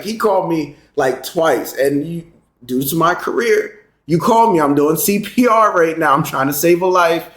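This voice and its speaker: A man co-hosting a podcast, telling stories in a relaxed, conversational way. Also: a little high. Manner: relaxed, conversational, drawn-out storytelling. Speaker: podcast co-host. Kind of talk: casual chat. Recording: roomy echo.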